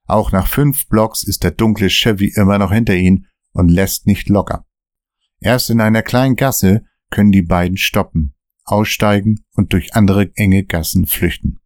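A man narrating a scripted story podcast in a steady, measured way. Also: lowish voice, no echo, clean studio sound.

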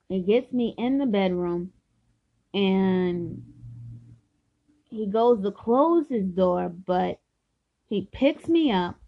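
A woman at a middle pitch tells a story from her own life, earnest and emphatic, circling back to repeat her points. The recording is a little dull and lo-fi, with the top end rolled off. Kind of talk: personal storytelling.

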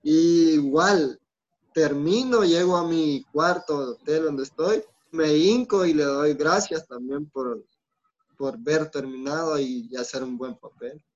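A man, an athlete, answering interview questions in a calm, soft-spoken way. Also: a little high, a little slow. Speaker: athlete guest. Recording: dull lo-fi sound.

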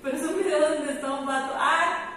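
A woman's voice: high-pitched, brisk. A young woman with a Mexican accent, chatting casually in slangy speech and telling stories animatedly. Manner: slangy, animated storyteller, laughs often. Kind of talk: casual chat. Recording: roomy echo, far from mic, faint noise.

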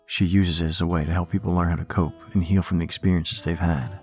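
A man hosting a horror podcast, reading scripted stories and poems in a measured, theatrical manner. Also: low-pitched, flat delivery, a little mellow, faint music behind.

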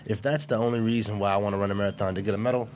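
A man in his late twenties hosting a podcast, chatting casually with quick restarts and repeated words. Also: lowish voice, fairly even intonation, background noise. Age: 20s. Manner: fast, repetitive restarts, friendly. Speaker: podcast host. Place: event space.

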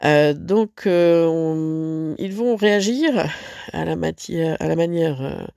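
A teacher gives a recorded lesson, reading a fable and then explaining it in loose, conversational asides. The voice is mid-pitched with a gravelly rasp. The recording is dry and close. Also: lively intonation, takes it slowly, darkish tone, dry recording. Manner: conversational, with many fillers and asides. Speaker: French literature teacher.

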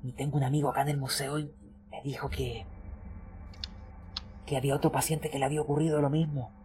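A man voicing a gossiping museum visitor who speaks in a hushed, low voice. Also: flat delivery, fast talker, slight background noise, close to an everyday voice.

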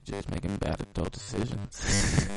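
Gravelly low-voiced man chatting casually. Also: measured pace, faint music behind, poor audio. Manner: animated, slangy storytelling. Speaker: podcast co-host. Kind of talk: casual chat.

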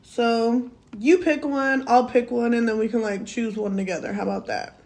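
A woman's voice: a little high, steady tone, normal speed, a little mellow. A young woman co-hosting a podcast in casual chat, laid-back, laughing often and swearing casually. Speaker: podcast co-host.

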